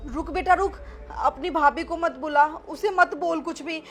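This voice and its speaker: A woman's voice: extremely high pitch, unhurried. Woman playing a sly scheming mother-in-law. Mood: pleading.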